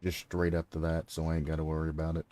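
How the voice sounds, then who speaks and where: A man talking through his gameplay on a live stream, thinking aloud and throwing sarcastic asides at chat, clearing his throat now and then. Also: rumbling low, monotone, fast talker, mellow. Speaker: game streamer. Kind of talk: casual gameplay commentary.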